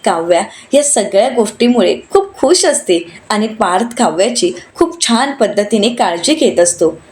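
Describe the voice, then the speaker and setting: A woman narrating a recap of a TV serial episode, steadily retelling each scene. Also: mid-range voice. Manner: steady narration that reads characters' lines aloud.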